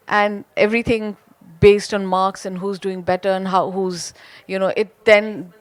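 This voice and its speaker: A woman's voice: medium pitch, level tone, measured pace, no room sound. A well-spoken woman with a polished Indian accent, answering as a school counselor on a panel. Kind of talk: panel discussion answer, unscripted.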